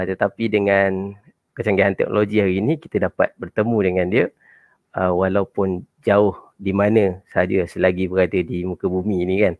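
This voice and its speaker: A man's voice: deep voice, creaky, no echo. A man with a Malaysian accent hosting a talk show, speaking careful formal Malay and correcting himself. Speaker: host. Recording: phone-like, muffled online call audio.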